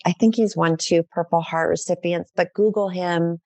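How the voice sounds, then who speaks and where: Enthusiastic woman guest, low dry voice. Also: fairly even intonation, normal speed, dark tone, dry recording. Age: middle-aged. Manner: enthusiastic, effusive, rambling with fillers. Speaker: interview guest. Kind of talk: casual podcast interview.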